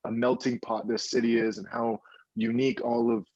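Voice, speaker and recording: A man in his thirties, an indie film producer telling stories in a casual interview, animated and rambling with many restarts. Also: medium pitch, normal speed, creaky, no room sound, lo-fi sound.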